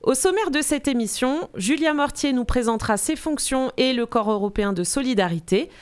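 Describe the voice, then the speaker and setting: On a local radio interview show, a woman host greets her guests in a friendly, lightly scripted manner. Her voice is high, expressive and clean in tone, and she speaks fairly quickly.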